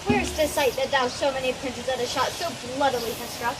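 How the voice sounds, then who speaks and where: Woman playing high-voiced stately royal. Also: brisk, lightly acted. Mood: solemn, commanding. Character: stately Elizabethan royals, queen and conquering prince. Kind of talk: amateur Shakespeare stage acting. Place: barn performance. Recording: noisy amateur live stage recording.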